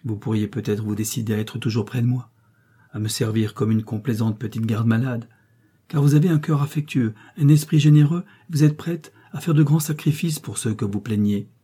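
A man's voice: mid-range voice, fairly quick, mellow, slightly rough, lightly acted. A man voicing a blind, brooding older man who speaks with earnest, emphatic passion. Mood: pleading.

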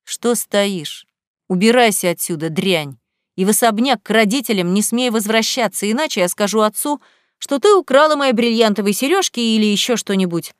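A woman's voice: medium pitch, animated, moderate pace, dry recording, clean studio sound, close to an everyday voice. Woman doing a sneering, spiteful rich girl. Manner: mocking, sneering, snide sing-song. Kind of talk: audiobook character reading.

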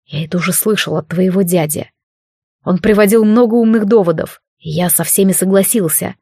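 A woman's voice: mid-range voice, brisk, warm tone, breathy edge, no room sound, clean studio sound. A woman reading an audiobook, voicing a proud, resolute young male warrior leader in a firm, declarative way.

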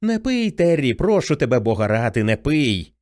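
A man voicing a teenage boy with a high, cracking, unsure voice that pleads, in an audiobook. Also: sing-song, normal speed, a little mellow, lightly acted. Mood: pleading.

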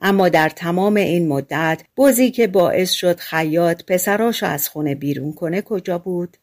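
A woman's voice: lowish voice, a little mellow. Woman reading fairy tales aloud. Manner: colloquial, conversational storytelling. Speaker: audiobook narrator. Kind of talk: scripted fairy-tale narration.

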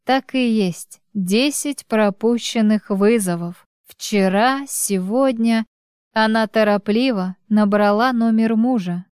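A woman narrating an audiobook in an even, measured way. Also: fairly high pitch, clean tone, dry recording, studio quality. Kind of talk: scripted narration.

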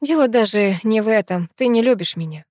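A tipsy, drowsy young man, murmuring and insecure, as a woman reader voices him, slightly high and dry. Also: lively intonation, fairly quick, darkish tone, no echo, lightly acted. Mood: sleepy. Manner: murmuring, self-doubting. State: drunk and drowsy. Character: drunk sleepy young man, tender and insecure.

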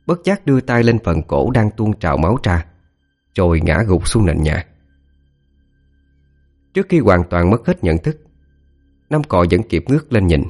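A man telling a scripted ghost story in a dramatic, expressive way. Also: sits low.

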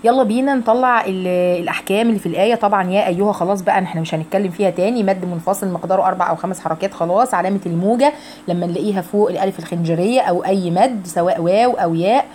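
A woman with an Egyptian accent leads a Quran recitation lesson, breaking words into single syllables and drilling them slowly. Her voice is warm and mellow. A faint hiss runs under the recording. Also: mid-range voice. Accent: Egyptian Arabic. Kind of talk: tajweed lesson with slow recitation.

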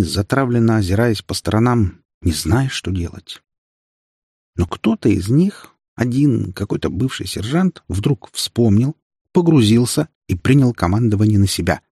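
A man narrating a dramatic audiobook in an expressive storytelling manner. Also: lowish voice, slightly rough, dry recording, studio quality.

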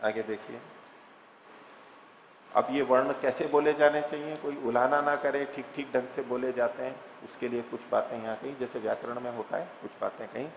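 A man teaching scripture, reciting verses slowly and then explaining them plainly with rhetorical questions. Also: mid-range voice, steady tone, vocal fry, a little hiss or hum. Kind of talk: scripture lecture. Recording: echoey hall, dull lo-fi sound.

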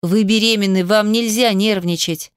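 Female narrator doing an insistent king calling out, smooth clear voice, dry sound. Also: mid-range voice, fairly even intonation, normal speed, no room sound, natural voice. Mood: commanding. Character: commanding middle-aged male king in pursuit.

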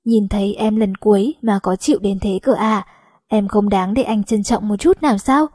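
A woman's voice: medium pitch, moderate pace, darkish tone, breathy edge, no echo, studio quality, natural voice. A woman voicing a timid, hurt young woman who answers in small, hesitant replies, in an audiobook.

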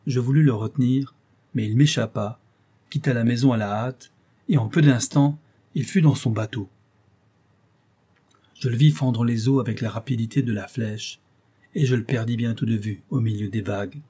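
A man narrating a first-person literary audiobook in a measured, solemn way. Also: medium pitch, mellow, breathy edge.

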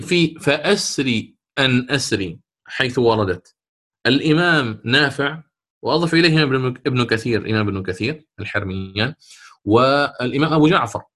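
A man teaching a lesson on Quran recitation rules, asking and answering his own questions and drawing out the recited words slowly. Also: fairly high pitch, fairly bright tone. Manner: stretches recited words drawn out.

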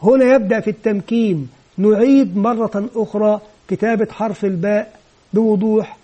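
A man's voice: sits high, fairly even intonation, moderate pace, mellow, highs cut off. A man giving an instructional lecture on teaching children to read, explaining each step patiently and modelling what the teacher says. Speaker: teacher trainer.

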